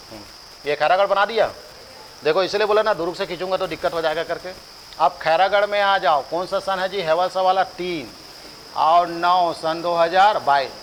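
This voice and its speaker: A man's voice: high voice, a bit bright, slight background noise, rough recording. A male coaching teacher giving an exam-prep lecture, drilling dates by repeating them and quizzing the students in a joking, familiar way.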